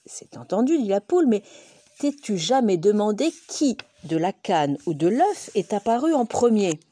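Fretful storybook hen, played by a woman: lively, mellow, musing. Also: medium pitch, normal speed, dry recording, voice pushed up. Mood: probing. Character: fretful pondering hen, female adult.

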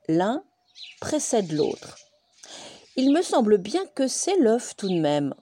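Fretful storybook hen, played by a woman: lively, mellow, musing. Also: mid-range voice, slow, voice pushed up. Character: fretful pondering hen, female adult.

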